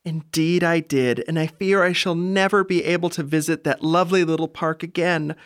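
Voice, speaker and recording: A man's voice: fairly high pitch, steady tone, normal speed, fairly bright tone, clean tone, natural voice. A man voicing a cruel, mocking male fairy in an audio drama, silky and condescending. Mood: taunting. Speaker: villain.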